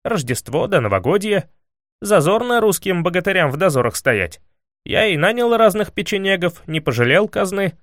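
A man voicing a vain, fickle prince who blusters loudly and flusters easily. The voice leaps around, lively and dry. It suits a comic storybook ruler. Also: sits high, normal speed, dry recording, voice pushed up. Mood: blustering. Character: fickle, bluffing middle-aged prince.

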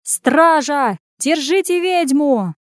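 Brief: a woman doing an aggrieved young serving lad, yelling complaints, dry audiobook sound. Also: a little high, moderate pace, clear, resonant tone, dry recording, lightly acted. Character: clumsy young male tavern server, whiny and indignant.

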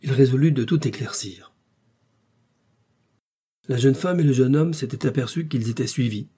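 A man narrating a classic adventure novel in a measured, even way. His voice is mellow and dark, with a slight husk to it. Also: mid-range voice, breathy edge. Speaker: audiobook narrator.

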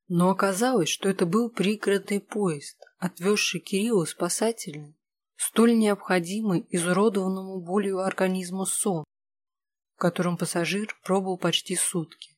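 A narrator reading a novel aloud in a steady, measured way. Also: medium pitch, dry recording. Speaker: audiobook narrator. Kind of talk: scripted narration of a fantasy novel.

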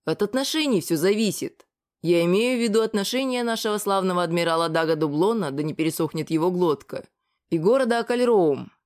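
A woman's voice: fairly low pitch, expressive, brisk, darkish tone, natural voice. Laid-back sailor, indifferent drawl, put on by a female reader. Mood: lazy explaining. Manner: lazy, indifferent. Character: laid-back male sailor, bookish and unhurried.

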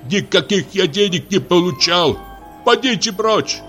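Man doing a deaf old navy captain, pompous, high voice, swooping pitch, audiobook play, soft music behind. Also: lively intonation, unhurried. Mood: outraged. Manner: booming sea commands, mishears everything.

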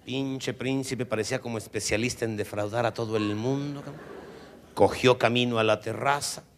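A man with a Mexican Spanish accent telling a profane comic story, drawing out punchlines and jumping into high voices for the people he quotes. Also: steady tone, moderate pace, slight background noise. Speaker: stand-up comedian.

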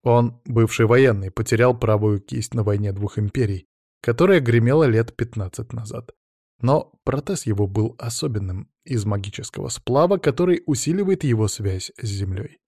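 A man narrating an audiobook in first person, in a steady, matter-of-fact way. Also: medium pitch, normal speed, dry recording, studio quality.

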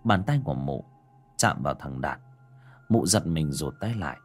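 A man narrating a scripted horror story in a dramatic, expressive way. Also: very deep voice, normal speed, soft background music.

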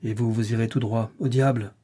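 A man reading an audiobook, voicing a brusque, teasing wealthy gentleman employer. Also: mid-range voice, fairly even intonation, a little fast, breathy edge, lightly acted.

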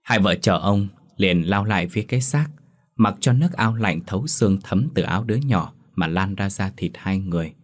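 Deep-voiced man narrating a ghost story. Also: normal speed.

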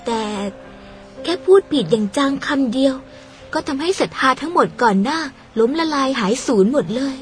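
A chatty, spirited young woman, played by a woman in an audio drama. Her voice is very high, and she tells stories in a lively, polite, gossipy way. Faint music sits behind her. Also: moderate pace, lightly acted.

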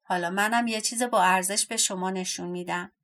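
A woman voicing a polite, clever young village girl in a storybook reading, speaking gently and carefully. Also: medium pitch, steady tone, natural voice. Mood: calm.

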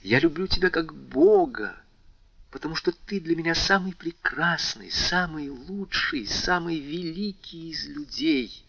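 A man's voice: a little high, animated, measured pace, gravelly, fairly bright tone, highs cut off, voice pushed up, heavily acted. Haydée, a man voicing a young devoted woman pleading passionately. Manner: impassioned, pleading.

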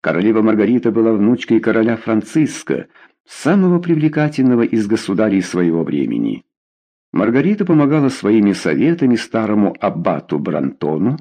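A man narrating a historical novel aloud, with expressive, theatrical reading. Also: lowish voice.

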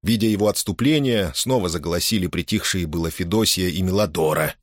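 A man narrating an audiobook with expressive storytelling. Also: deep voice, brisk, dry recording, studio quality. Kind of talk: audiobook reading.

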